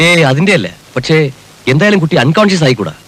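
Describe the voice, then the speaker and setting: An actor playing a doctor at a rescue, brisk and giving orders in a film drama. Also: male voice, fairly high pitch, big pitch swings, fairly bright tone, poor audio. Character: calm, instructive male rescue doctor.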